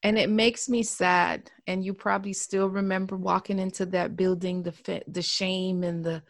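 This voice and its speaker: Woman host, affirming and encouraging, gentle murmured agreement. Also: fairly low pitch, level tone, moderate pace. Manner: warm affirming, many soft mm-hmms. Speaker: podcast host. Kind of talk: faith-based interview.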